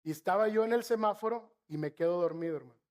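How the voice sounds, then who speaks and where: Man, northern Mexican accent, pastor preaching, high voice, slows for emphasis. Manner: storytelling with asides to the congregation; slows and softens to stress key phrases. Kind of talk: sermon.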